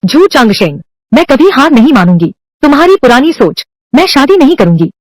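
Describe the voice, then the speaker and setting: A woman's voice: high voice, big pitch swings, fairly quick, no echo. A young woman voicing a headstrong daughter in a dubbed TV drama, who defiantly refuses an arranged marriage. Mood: stubborn. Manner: defiant and insistent. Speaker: dubbing actress.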